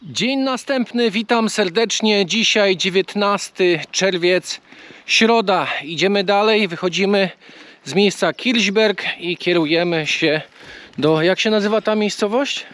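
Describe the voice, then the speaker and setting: A man's voice: sits high, a little slow, fairly bright tone. A young man casually vlogging a pilgrimage walk, chatting and joking with viewers as he wanders outdoors and through a small church. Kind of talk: casual vlog talk to camera.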